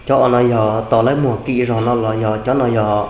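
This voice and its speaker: A man's voice: medium pitch, steady tone, fairly quick, a little mellow. Young guy talking while he chops meat at home, camera a few meters off, bit of background hiss. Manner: chatty, explaining while cutting meat. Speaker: vlog host. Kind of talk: casual cooking vlog chat. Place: indoor home room, seated on floor mat.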